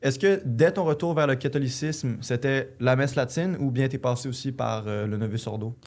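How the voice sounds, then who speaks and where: A man co-hosts an interview in a relaxed, conversational way. His voice sits at an ordinary middle pitch. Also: moderate pace. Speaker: interview co-host.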